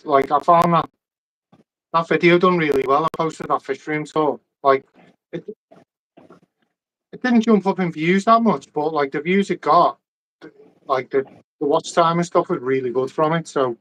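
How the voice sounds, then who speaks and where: A man's voice: fairly high pitch, a bit bright, poor audio. Chatty man hosting a live stream. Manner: chatty, reads the live chat aloud while talking. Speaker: livestream host. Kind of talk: casual live-stream chat. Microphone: shotgun mic that picks up the whole room. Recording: voice on a live call.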